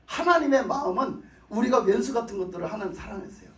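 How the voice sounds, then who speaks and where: A man preaching a sermon as a pastor, telling the story in an animated way and acting out the characters. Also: high voice, quick pace. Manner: animated storytelling, acts out voices. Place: church hall. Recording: echoey church hall from a distance.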